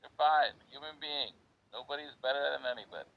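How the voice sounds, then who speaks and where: New York man, relaxed joking host, mid pitch, muffled lo-fi audio. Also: brisk. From United States. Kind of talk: casual chat.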